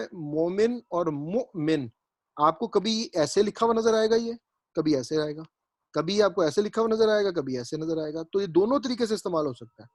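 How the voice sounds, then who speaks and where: A man with a somewhat high voice leads a grammar class, explaining each rule patiently and repeating himself so nobody falls behind. He keeps asking whether it is clear before moving on. The recording is close and dry, with almost no room sound. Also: no echo. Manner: explanatory, repeats points and checks understanding. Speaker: Arabic grammar teacher. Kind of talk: classroom lecture.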